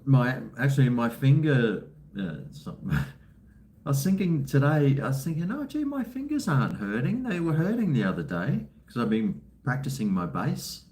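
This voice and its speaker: Aussie guy just rambling on a livestream, blokey and easygoing, mid pitched voice. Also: very animated, moderate pace, darkish tone. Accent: Australian. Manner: laid-back, blokey, colloquial. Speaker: live streamer. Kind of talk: casual live stream chat, responding to viewers.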